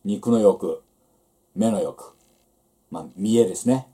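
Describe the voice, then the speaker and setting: A man's voice: on the low side, slow, mellow. A man giving a church seminar lecture on the Bible, teaching in a conversational way with rhetorical asides.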